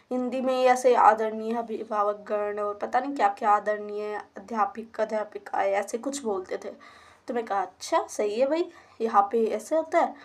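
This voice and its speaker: Young female podcast host, slightly high voice, chatty storytelling. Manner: chatty, animated, quotes herself and teachers. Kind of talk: casual storytelling.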